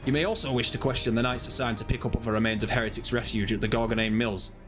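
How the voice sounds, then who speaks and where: A stately knight commander, voiced by a man reading a game's lines aloud, formal and polite. His voice is plain and mid-pitched. Light music runs behind him. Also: fairly bright tone, natural voice. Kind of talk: reading game dialogue aloud.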